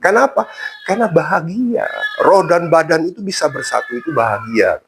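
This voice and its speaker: A man's voice: fairly high pitch, lively intonation, normal speed, creaky, noisy background, pitched above the performer's own voice. A man voicing an older male cleric who speaks emphatically in a raised voice. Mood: explaining. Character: older male cleric, stern then kindly explaining.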